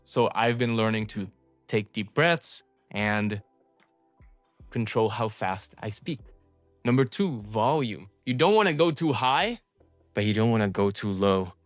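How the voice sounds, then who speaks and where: A man's voice: medium pitch, dry recording. A man hosting a sales course, recapping a lesson in a casual way with many filler sounds. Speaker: course host.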